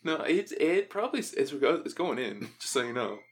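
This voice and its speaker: A man's voice: medium pitch, big pitch swings, a little fast. A man hosting a podcast, chatting casually in outtakes with wry, self-mocking jokes. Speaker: podcast host. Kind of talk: casual joking chat in outtakes.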